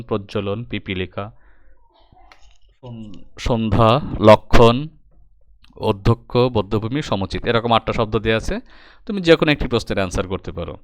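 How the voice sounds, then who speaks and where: A man's voice: fairly low pitch, no echo. A man teaching a recorded exam-prep lesson, patiently explaining step by step and addressing his students directly.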